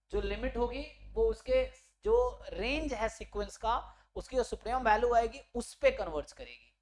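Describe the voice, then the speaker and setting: A male statistics teacher gives an online exam-prep lecture. He talks his students through each step and keeps checking that they are following. When he reads a formal definition, he slows to a careful word-by-word pace. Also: high-pitched, darkish tone, a little hiss or hum. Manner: explains step by step, often checks understanding with tag questions.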